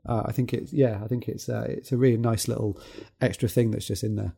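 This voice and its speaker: A man with a mellow, darker tone and a gravelly rasp co-hosts a film podcast. He talks loosely and agreeably, circling his points with fillers before landing them. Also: mid-range voice, steady tone, a little fast. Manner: rambling, agreeable, repeats "yeah" and "kind of". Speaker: podcast co-host. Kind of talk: casual film discussion.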